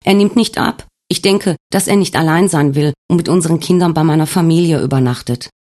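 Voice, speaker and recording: A woman's voice: low voice, brisk, darkish tone, voice pushed up, lightly acted. A man voicing a young woman who has just woken in a hospital bed, anxious and full of questions, in an audiobook. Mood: worried.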